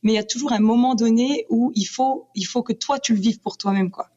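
Talking fairly quickly in a fairly high voice, this Canadian woman from British Columbia, a guest speaker, shares her faith with passion and animation in a casual chat, frequently restarting. The sound is dull and lo-fi.

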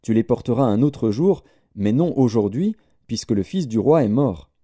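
A man's voice: mid-range voice, animated, moderate pace, warm tone, lightly acted. A man reading aloud voices a stern army commander giving firm orders.

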